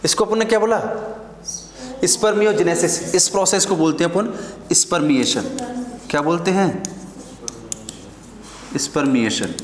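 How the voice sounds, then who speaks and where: A man's voice: high voice, animated, unhurried, long pauses. A man teaching a nursing exam class, lecturing at the board and drilling terms by asking and answering his own questions. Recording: echoey classroom.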